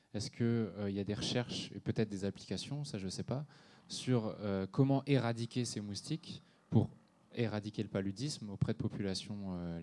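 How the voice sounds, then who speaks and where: A man's voice: fairly low pitch, a little mellow. A man moderating a public science panel, asking questions and making teasing asides.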